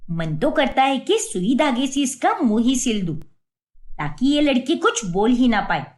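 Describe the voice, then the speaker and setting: A bossy middle-aged mother-in-law from a cartoon story, voiced by a woman. She scolds with open scorn, her fairly high voice rising and falling in lively swings. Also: a little slow. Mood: complaining. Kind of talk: Hindi cartoon voice acting.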